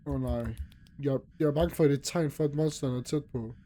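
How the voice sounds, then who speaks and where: A man's voice: mid-range voice, mellow, a little hiss or hum. A young man nervously commentating a horror game, talking to himself and his viewers as he gets scared. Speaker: gaming youtuber.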